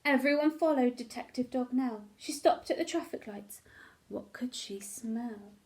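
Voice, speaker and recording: High-voiced woman reading a children's storybook. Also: a little slow. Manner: animated, dramatic storytelling for young children. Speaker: teacher reading a children's picture book aloud. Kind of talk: expressive storybook narration.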